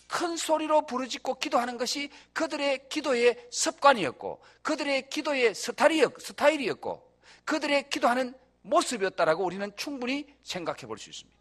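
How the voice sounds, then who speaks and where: A man's voice: very high-pitched, a bit bright. A male pastor preaching a sermon in a church, asking rhetorical questions and swelling in volume for emphasis.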